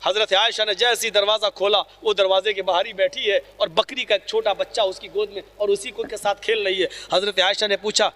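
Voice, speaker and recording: A man with a very high, piercingly bright voice delivers a dramatic sermon, telling stories with great emphasis. He drops to soft lines and then rises to shouts. His voice rings with a long reverb, as in a large hall. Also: little pitch movement, few pauses. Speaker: preacher. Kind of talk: impassioned Urdu sermon storytelling.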